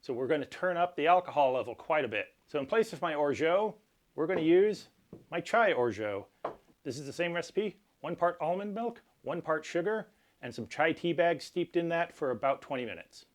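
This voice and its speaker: A man hosting a cocktail tutorial, explaining each step in a measured, instructional way. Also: a little high, lively intonation. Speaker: cocktail channel host. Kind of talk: cocktail recipe tutorial presentation.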